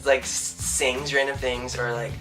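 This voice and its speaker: A man's voice: medium pitch, little pitch movement, measured pace, bright, forceful tone, faint music behind. A young man from Ohio hosting a vlog in casual chat, giggly and rambling with lots of fillers. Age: young adult. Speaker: vlog host.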